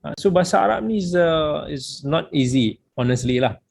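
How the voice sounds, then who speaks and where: A man's voice: fairly high pitch, expressive, normal speed, creaky, darkish tone. A man with a Malaysian accent, a religious teacher explaining a book in a patient lecture, slipping English phrases into his talk.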